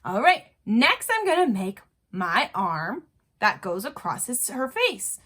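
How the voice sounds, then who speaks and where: In the manner of an elementary art teacher, a woman slowly shows young children how to draw, step after step, with simple and encouraging phrases. Her voice is bright, full of big swings in pitch.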